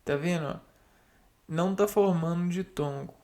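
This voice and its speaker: A man slowly reading spelling rules aloud and explaining them to himself, halting and repeating words as he goes. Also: high voice, dark tone.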